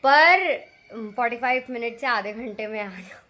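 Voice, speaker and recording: A woman's voice: fairly high pitch, normal speed. A young woman in college, chatting and teasing as she vlogs her family day at home on a phone camera. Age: young adult. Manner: chatty, teasing, animated storytelling. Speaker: vlogger. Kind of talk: casual family vlog.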